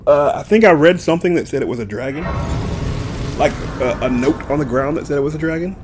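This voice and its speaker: A man's voice: on the high side, fast talker, over music. A man casually commenting on his own gameplay, playful and jokey, talking straight to his viewers. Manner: playful, jokey, talks to viewers, drifts into sing-song bits. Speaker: gameplay streamer.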